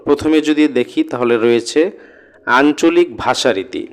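Male teacher, slow and deliberate, reads from the textbook and explains for students. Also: medium pitch. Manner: slow, deliberate reading with spoken asides to students. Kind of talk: reading and explaining a grammar lesson.

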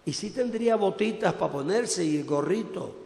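High-voiced preacher man, gravelly, echoey hall. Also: lively intonation, moderate pace. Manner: preaching with sudden loud outbursts and quiet drops. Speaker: pastor. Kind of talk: sermon.

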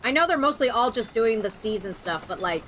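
A woman's voice: fairly high pitch, lively intonation, brisk, a bit bright, slight background noise. A woman giving casual, chatty gameplay commentary in a playful, exclaiming way. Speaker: game streamer. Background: game music.

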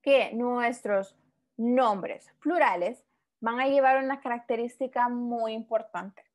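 A woman with a high-sitting voice teaches an English grammar lesson. She explains patiently, repeats example words, and frequently checks in with the class.

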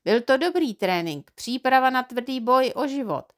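A woman's voice: sits high, animated. A woman voicing a stern, grumbling middle-aged father who lectures and quarrels. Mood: lecturing. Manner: indignant, lecturing.

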